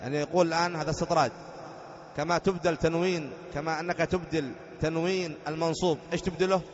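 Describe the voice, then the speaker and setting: Male sheikh, fairly high voice, patient teacher who quizzes and chants the text; muffled old lecture tape in a reverberant hall. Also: fairly even intonation, crowd noise. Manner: explains patiently, quizzing students with rhetorical questions; slow sing-song chant when reading the text aloud. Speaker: sheikh teaching Arabic grammar. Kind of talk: classroom lesson reading and explaining a grammar text.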